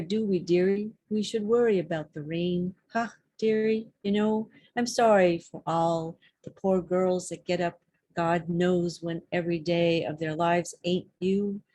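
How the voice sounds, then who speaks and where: A woman's voice: lowish voice, unhurried, mellow. A woman reading aloud as a chatty, homely woman who calls her friend dearie in a gossipy, coaxing way.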